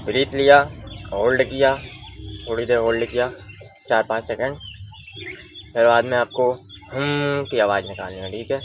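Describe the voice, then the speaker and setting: In a relaxed, casual tutorial, a young man patiently coaches viewers through breathing and voice exercises step by step, asking them to follow along and checking they keep up. His voice is ordinary mid-range at a moderate pace with long pauses. Faint birdsong and a little hiss or hum sit in the background.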